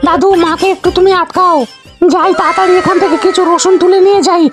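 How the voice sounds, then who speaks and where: A woman's voice: extremely high pitch, steady tone, quick pace, over music. A woman voicing a mischievous, crafty young girl in a comic cartoon, speaking in exclamatory, dramatic fashion. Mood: panicked scheming. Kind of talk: comic cartoon story dialogue.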